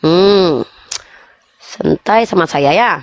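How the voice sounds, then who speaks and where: A woman's voice: lowish voice, lively intonation, very slow. A woman in a heated online debate, firing insistent, argumentative demands and questions.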